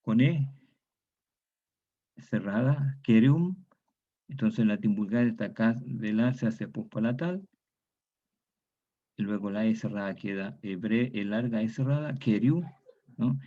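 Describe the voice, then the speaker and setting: This online historical grammar lecture comes from a man whose voice is on the low side, speaking a little slowly with long pauses. He repeats every key word and often tags statements with questions, and the recording is dull and lo-fi.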